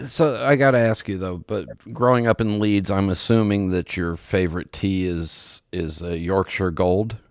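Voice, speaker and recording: A man's voice: low voice, unhurried, hardly any pauses, dry recording, studio quality. A man hosting a radio interview show, teasing his guests and laughing often. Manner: jokey, teasing, laughs a lot.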